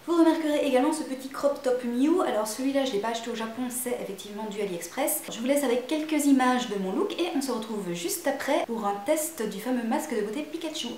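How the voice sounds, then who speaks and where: A woman's voice: high voice, lively intonation, fast, hardly any pauses, darkish tone, echoey room, a little hiss or hum. A young woman hosting a casual vlog, chatty and self-mocking, with crude jokes. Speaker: vlogger showing a shopping haul.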